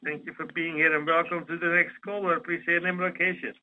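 A man's voice: a little high, level tone, fast, phone-quality sound. A man hosting a live conference call, greeting callers as they join. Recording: faint background noise on call.

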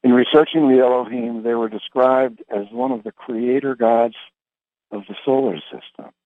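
A man leading a spiritual meditation talk, reading questions and answers deliberately in short, halting phrases. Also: mid-range voice, lively intonation, gravelly. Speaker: meditation leader. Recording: roomy, thin phone-like sound.

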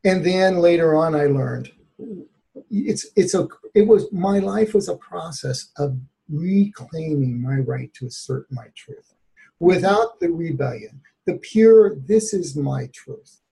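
A male therapist, a guest on an interview show, telling a personal story in an animated way and laughing often. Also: on the high side, unhurried, vocal fry.

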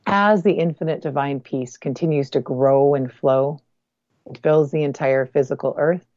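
A woman guides a meditation in a low, mellow voice, soft and close as if right in your ear. She phrases deliberately, leaving pauses between short groups of words. The sound is dry but dull and lo-fi. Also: dry recording. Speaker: guest energy healer.

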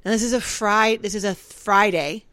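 A woman co-hosting a casual talk show, telling a work story with lively acted-out dialogue. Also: medium pitch, moderate pace, no room sound. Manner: animated storyteller acting out phone calls. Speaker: co-host.

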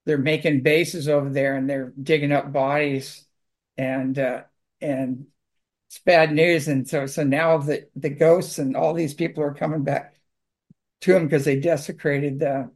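A man speaks in a voice pitched a little above the usual for men. He chats casually and wanders from point to point in an earnest, rambling way. He talks about his work clearing houses. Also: flat delivery, a little slow. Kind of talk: casual conversation.

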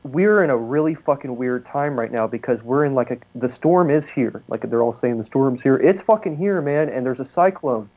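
A man's voice: medium pitch, moderate pace, hardly any pauses, narrow, tinny audio. A man co-hosting a live talk show, ranting in a rambling, profane, intense way. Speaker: podcast co-host.

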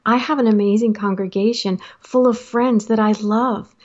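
A woman coaching people in a casual motivational talk, lively and quick to act out quotes in different voices. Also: fairly high pitch, dull audio. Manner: animated, acts out quotes and laughs often. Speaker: life coach.

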